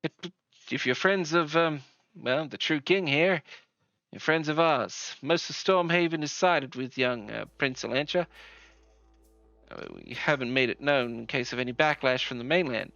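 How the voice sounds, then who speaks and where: A man voicing a hospitable female settlement leader in a put-on Southern US accent, halting and friendly with many fillers. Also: fairly high pitch, pushed and bright, dry recording. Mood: welcoming. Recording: dry, slightly dull, faint music.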